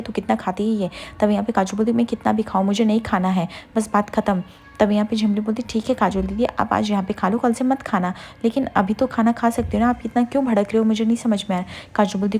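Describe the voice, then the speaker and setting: Fast-talking woman retelling a serial. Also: mid-range voice, a little mellow. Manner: rapid retelling with fillers, quotes each character in turn. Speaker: serial recap narrator. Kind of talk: casual story recap.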